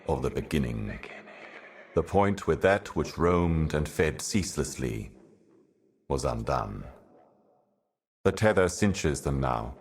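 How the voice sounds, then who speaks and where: In a heavily acted performance, a video game character, an ancient cosmic envoy, speaks in a bottomless, extraordinarily low male register. His delivery is measured and grave, as if a prophet were reciting cryptic scripture for a dark fantasy game, giving each phrase portentous weight.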